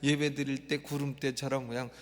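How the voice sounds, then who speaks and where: A middle-aged male pastor preaching an expository sermon, emphatic and repetitive, prodding the congregation with quick questions. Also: medium pitch, little pitch movement. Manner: emphatic, repeats phrases, prompts the congregation with "eh?". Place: church sanctuary. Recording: long church reverb.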